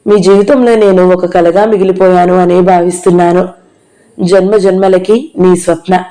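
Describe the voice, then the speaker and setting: A woman voicing a quiet, gentle young mother who speaks softly and pleadingly. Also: lowish voice, steady tone, normal speed, close to an everyday voice, poor audio. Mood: sorrowful.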